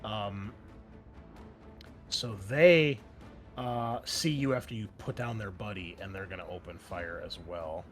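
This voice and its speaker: Running a tabletop roleplaying game as its game master, a man narrates in an unhurried voice on the low side. The host keeps things casual, descriptive and wry, and music plays behind him.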